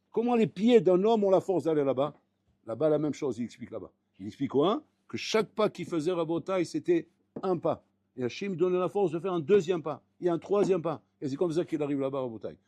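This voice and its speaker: Rabbi telling a lively Torah-class story. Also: male voice, a little high, no echo. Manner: lively storytelling, acting out voices, rising to loud emphatic peaks; French mixed with Hebrew terms, repeated address to the audience.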